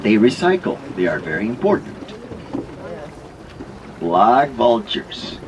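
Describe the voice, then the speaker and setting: A man's voice: on the low side, sing-song, slow pace. A man guiding a wildlife tour on a river boat, giving live commentary in a playful, joking way. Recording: busy voices and boat noise behind.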